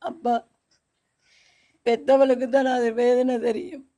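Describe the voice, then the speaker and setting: A woman's voice: high-pitched, level tone, slow pace, warm tone. A middle-aged woman with a Sri Lankan Tamil accent, a mother earnestly and plaintively describing her family's hardship at home. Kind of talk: emotional personal account.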